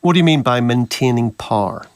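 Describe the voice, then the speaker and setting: A man's voice: mid-range voice, lively intonation, fairly quick, darkish tone, clear, resonant tone, no echo. A man in his fifties hosting a radio discussion, asking probing, conversational questions. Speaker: radio host.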